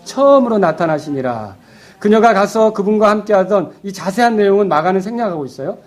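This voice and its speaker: Pastor guy preaching, fairly high voice, keeps firing questions at the congregation. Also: quick pace. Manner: peppers the congregation with rhetorical questions; animated, swinging between loud and hushed. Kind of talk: sermon.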